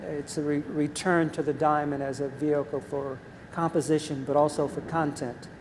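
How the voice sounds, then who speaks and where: A man in his seventies, an artist talking in a gallery conversation in a measured, reflective way, pausing with ums. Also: fairly high pitch, fairly even intonation. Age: 70s. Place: large art gallery. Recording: reverberant gallery with faint noise.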